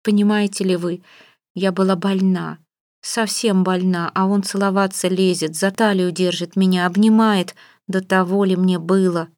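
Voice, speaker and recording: A woman's voice: medium pitch, measured pace, no room sound, close to an everyday voice. A woman reading an audiobook, voicing a capricious young bride who is sulky, tearful and sarcastic. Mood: defiant. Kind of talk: audiobook character voice.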